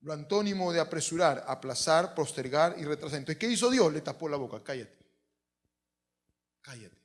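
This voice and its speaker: A man preaching a sermon as pastor, telling stories and swinging from hushed lines to shouts. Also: a little high, animated, fairly quick. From Peru.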